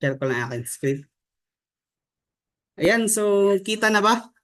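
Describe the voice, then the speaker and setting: A man's voice: high-pitched, lively intonation, takes it slowly, fairly bright tone. Chatty young man on a video call. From Philippines. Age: young adult. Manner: chatty, reads out names with frequent "no?" and "di ba?". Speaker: online business trainer. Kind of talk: casual motivational online training. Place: home room with a staircase behind.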